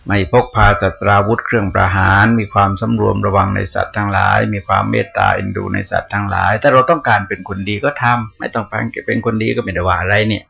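A man's voice: lowish voice, steady tone, fast, gravelly, few pauses, slightly rough. A man, a Buddhist monk, giving a conversational dharma talk, asking questions aloud and answering them himself. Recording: dull lo-fi recording.

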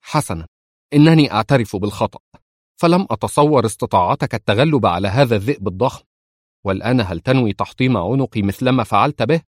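Headstrong young female officer, read by a man in a lifted, brighter voice for an audiobook. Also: medium pitch, lively intonation, no echo, studio quality, lightly acted. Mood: flustered. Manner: defiant, quick to surprise. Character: defiant young female lieutenant.

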